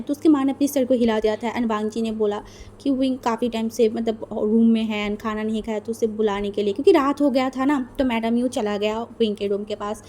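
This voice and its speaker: A woman's voice: on the high side, mellow, a little hiss or hum. Chatty woman telling a story. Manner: chatty, mixing English words into Hindi. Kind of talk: casual narration of a fan story.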